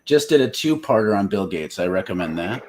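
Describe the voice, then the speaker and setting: Animated man, blunt podcast co-host. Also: fairly low pitch, brisk. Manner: animated and blunt, with occasional swearing. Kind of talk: casual discussion.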